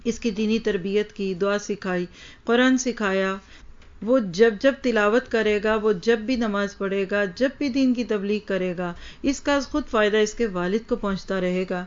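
A woman's voice: mid-range voice, clean tone. A woman giving an Islamic lecture, teaching earnestly and addressing her listeners directly, on a slightly dull recording. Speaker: religious lecturer.

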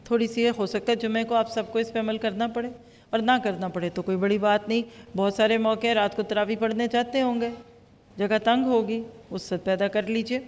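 A woman teaching a Quran lesson, lively and acting out everyday dialogues as examples. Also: a little high, long reverb tail. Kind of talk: religious lecture.

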